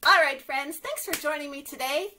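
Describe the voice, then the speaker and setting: A high-pitched woman speaks at a moderate pace, bright and forceful, with slight background noise in the recording. She leads an interactive story time as a children's librarian, encouraging and sing-song, and often asks the young listeners questions.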